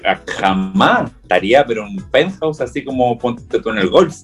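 A man's voice: medium pitch, expressive, moderate pace, breathy edge, soft background music. A man with a Chilean accent chatting casually, rambling and joking in a campy way. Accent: Chilean Spanish. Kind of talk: casual chat.

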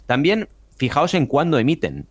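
A man's voice: a little high, huge pitch swings, moderate pace, no room sound. A man co-hosting a podcast, explaining marketing in an upbeat, explanatory way. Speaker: podcast co-host and marketing guest expert. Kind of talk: casual podcast talk.

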